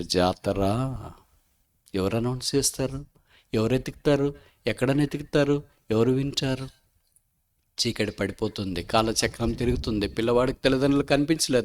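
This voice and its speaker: A man with an Andhra Telugu accent preaching a sermon as a story, acting out the lines of the people in it and rising to loud, emphatic peaks. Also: mid-range voice. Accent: Telugu, Andhra Pradesh.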